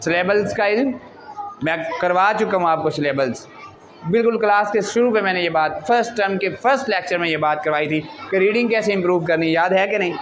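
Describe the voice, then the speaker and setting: A man's voice: sits high, a little fast. A man teaching an English lesson in a classroom. He speaks with a flavor, keeps asking the class questions and calls the students "beta". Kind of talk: classroom lecture. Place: school classroom. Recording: noisy classroom with crowd chatter.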